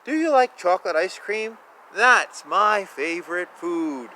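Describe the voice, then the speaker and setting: This clip is a low-quality recording of a man reading a picture book to young children outdoors, faint outdoor ambience behind him. His voice is high, animated, and sharp in tone, at a measured pace. He's playful and talkative, adding exclamations and asides and lengthening words for emphasis.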